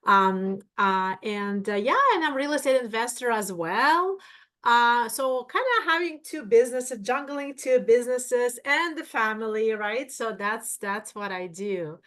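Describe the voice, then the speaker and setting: A woman's voice: fairly high pitch, measured pace, a bit bright. Chatty Russian-accented woman. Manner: chatty, many fillers and restarts. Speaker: guest accountant. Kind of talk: livestream interview.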